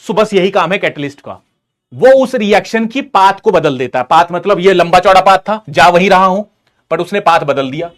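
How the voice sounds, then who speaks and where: A man's voice: high voice, normal speed. Chatty, teasing male chemistry teacher. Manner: chatty and teasing, addresses students as buddies; explains with everyday stories. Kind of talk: casual live online class.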